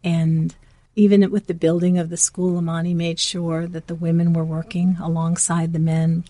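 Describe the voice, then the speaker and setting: Low, flat-voiced woman explaining earnestly. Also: moderate pace, no room sound. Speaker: foundation guest. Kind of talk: casual interview talk.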